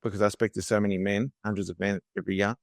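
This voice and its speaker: Australian male guest, low voice, dead dry recording, steady and friendly. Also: racing, no echo. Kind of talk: podcast interview.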